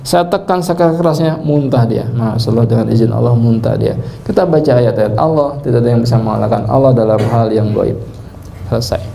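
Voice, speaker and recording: A male preacher and healing trainer telling animated stories to a live training audience, addressing listeners directly and often breaking into devout exclamations. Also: medium pitch, a little fast, creaky, slight background noise. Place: indoor training session with an audience.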